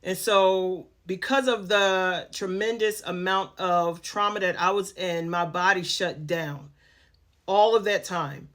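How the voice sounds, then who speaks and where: A woman's voice: on the low side, takes it slowly, fairly bright tone. A woman telling a personal story in a candid, conversational way, with many fillers and restarts.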